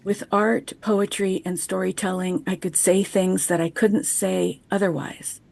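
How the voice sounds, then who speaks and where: Over a video call microphone, a woman in her fifties reads aloud a reflective personal chapel talk. Her medium-pitched voice is steady, gravelly and somewhat dark, and her delivery is measured, poetic and unhurried.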